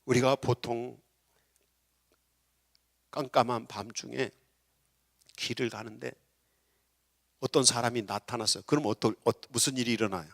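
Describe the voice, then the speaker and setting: A middle-aged man preaching a sermon as pastor, swinging from low, quiet asides to loud, soaring declarations. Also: steady tone, normal speed, vocal fry, pauses often. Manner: preaching with sudden loud rises.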